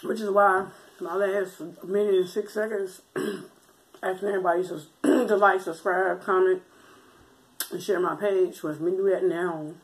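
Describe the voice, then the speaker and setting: A woman's voice: lowish voice, fairly even intonation, measured pace. An American woman in a casual mukbang vlog, talking to her viewers in a folksy, informal way as she eats. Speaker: mukbang vlogger. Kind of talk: casual chat to viewers while eating. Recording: noisy room with clinking dishes. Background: clear noise, clicks, cutlery and dishes.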